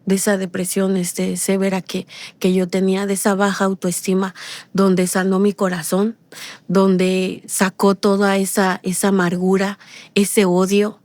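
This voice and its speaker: A woman's voice: medium pitch, completely flat delivery, a little mellow, dry recording. A woman giving an emotional personal testimony in an interview. She repeats phrases and restarts often as she talks. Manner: repetitive, with halting restarts and tearful pleading.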